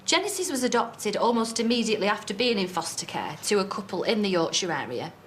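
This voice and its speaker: An actress playing a composed social worker in a TV drama who explains things in a professional way. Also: female voice, mid-range voice, very animated, fast talker, noisy background, lightly acted. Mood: informative. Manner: professional, informative. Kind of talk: TV soap drama.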